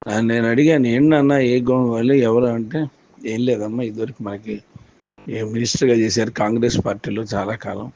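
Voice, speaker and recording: Animated man telling a story. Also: mid-range voice, normal speed, dry recording. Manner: animated retelling with repetitions. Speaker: commentator. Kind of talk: storytelling commentary. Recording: dull lo-fi with faint noise.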